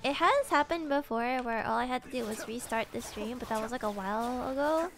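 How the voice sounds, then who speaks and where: High-pitched, gravelly-voiced woman streamer. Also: fairly quick, soft background music. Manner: hesitant, many fillers, giggly. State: tired, yawning. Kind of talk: casual chat with live chat.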